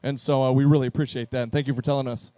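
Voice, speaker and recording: A man's voice: mid-range voice, little pitch movement, very fast, mellow, no echo. A man emceeing a live charity event at a pub, upbeat as he calls names to chairs on a handheld microphone.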